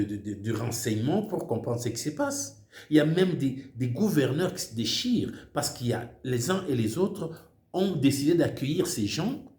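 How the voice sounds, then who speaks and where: This political speaker from the Democratic Republic of the Congo is an older man whose warm, fairly high voice echoes with reverb. A native Swahili speaker with a Congolese French accent, he gives an impassioned monologue full of emphatic repetition, circling back on words while hunting for them.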